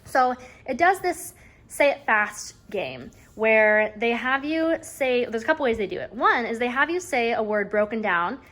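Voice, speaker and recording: Chatty homeschool mom, slightly high voice. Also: female voice, lively intonation, measured pace, a bit bright. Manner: chatty, rambling, often says "anyways". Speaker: homeschooling mother reviewing a curriculum. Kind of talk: casual chat review. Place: at home at a table. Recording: faint background noise and clicks.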